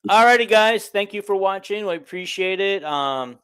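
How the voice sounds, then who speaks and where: A man's voice: high-pitched, lively intonation, normal speed, a bit bright, smooth. A man hosting a casual sports podcast over an online call, chatty and upbeat. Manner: chatty, upbeat, laughs easily. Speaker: podcast host.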